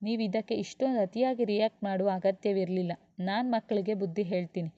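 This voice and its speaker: A woman's voice: mid-range voice, fairly even intonation, a little fast, dry recording, dull audio, lightly acted. A woman voicing a stern young male lecturer who speaks reproachfully.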